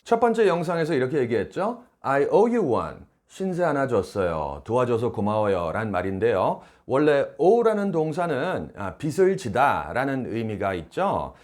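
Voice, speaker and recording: A man teaching English phrases on video, saying each phrase slowly and clearly as he explains it. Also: medium pitch. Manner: lively, drawn-out demonstration of each phrase.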